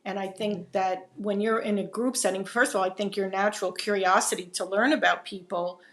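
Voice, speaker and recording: A woman's voice: mid-range voice, fairly even intonation, brisk, fairly bright tone. A woman with a New Jersey accent hosting an interview show, musing aloud with lots of fillers. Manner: rambling, musing, full of fillers. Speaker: podcast host. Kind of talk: conversational interview.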